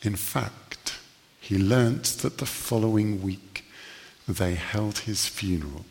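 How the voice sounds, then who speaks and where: A man preaching a sermon, telling stories earnestly with slow, emphatic pauses. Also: fairly low pitch, creaky, a little mellow, long reverb tail, slight background noise.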